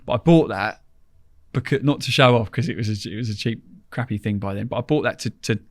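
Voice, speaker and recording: A man's voice: fairly low pitch, fairly quick, no echo, studio quality. A man telling casual, rambling anecdotes as a podcast guest in informal, colloquial speech.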